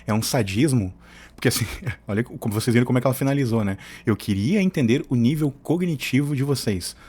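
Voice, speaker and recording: A fast-talking man from southern Brazil runs an opinion channel with informal commentary. His medium-pitched voice is animated, a little mellow and slightly rough, and he strays into asides while pushing his opinions in everyday language.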